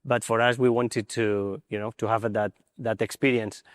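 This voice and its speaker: A man's voice: on the low side, level tone, moderate pace, clean tone, dry recording, clean studio sound, long reverb tail. Man, thoughtful and hesitant. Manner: thoughtful, hesitant with fillers in non-native English. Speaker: assistant coach. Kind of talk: panel interview on stage.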